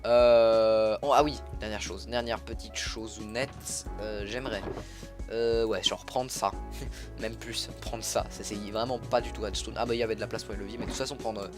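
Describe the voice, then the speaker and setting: Casual gameplay commentary comes from a young Alsatian livestreamer whose voice sits on the low side, with fairly even intonation and a moderate pace. Music plays behind him as he chats, welcomes chat viewers, and stops to correct himself mid-sentence.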